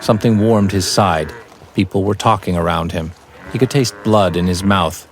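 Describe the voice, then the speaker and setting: A man narrating a fantasy audiobook in a measured, even storytelling voice. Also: low voice, faint music behind.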